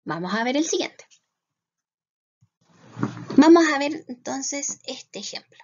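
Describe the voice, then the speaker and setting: A woman's voice: high-pitched, lively intonation. Chilean woman teacher, lo-fi sound. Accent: Chilean Spanish. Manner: patient, repeats "¿cierto?" to check understanding; spells out English words slowly. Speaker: English teacher. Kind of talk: classroom lesson explaining grammar. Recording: dull lo-fi sound.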